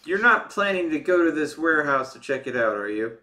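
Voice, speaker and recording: Bright-toned man, fatherly role-play. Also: a little high, very animated, fairly quick. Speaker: player. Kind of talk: in-character tabletop role-play.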